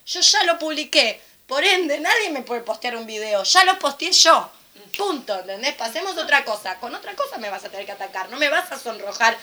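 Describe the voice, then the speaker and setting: A young adult woman from Argentina with a Rioplatense accent, talking casually on a panel, animated and irreverent, acting out the voices she quotes. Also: on the high side. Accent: Rioplatense Spanish. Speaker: panel speaker. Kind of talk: casual storytelling commentary at a panel.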